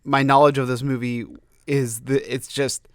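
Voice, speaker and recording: Male podcast co-host, hesitant and stammering, clear smooth tone, dry mic. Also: medium pitch, flat delivery, moderate pace, dry recording. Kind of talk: casual movie chat.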